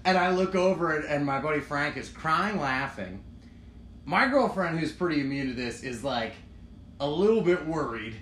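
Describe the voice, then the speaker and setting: A young man casually telling a rowdy story with plenty of swearing, acting out his own shouts as he goes. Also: fairly high pitch, expressive, moderate pace. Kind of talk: casual chat. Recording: echoey room with some noise.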